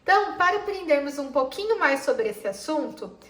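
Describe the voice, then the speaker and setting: Brazilian woman, schoolteacher, high pitch, gentle patient delivery, roomy echo. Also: very animated. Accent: Brazilian Portuguese. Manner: patient, explains slowly, spells out words; affectionate toward pupils. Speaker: teacher. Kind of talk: school lesson for children.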